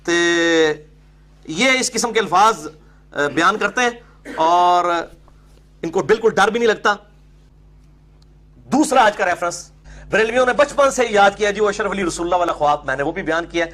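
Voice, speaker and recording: A man delivers a religious lecture in a fairly high voice. He argues forcefully and keeps throwing out questions that he answers himself. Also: moderate pace, pauses often, slight background noise. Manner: emphatic, argumentative, often asks and answers his own questions.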